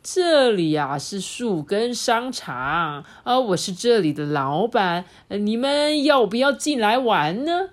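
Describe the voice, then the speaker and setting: A woman's voice: mid-range voice, lively intonation. A woman doing a jolly old grandpa. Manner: laughing, drawn-out welcoming lines. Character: jolly old grandpa, mall owner, welcoming.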